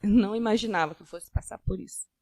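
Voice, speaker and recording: A woman giving a personal faith-filled testimony as a podcast guest, earnest, with halting restarts. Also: medium pitch, mellow, dry recording, clean studio sound. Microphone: studio podcast mic.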